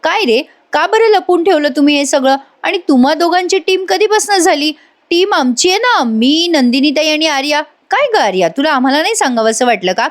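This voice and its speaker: A woman voicing a sharp-tongued young woman who scolds everyone, in an acted serial recap. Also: high voice, animated, a little fast, voice pushed up. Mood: indignant.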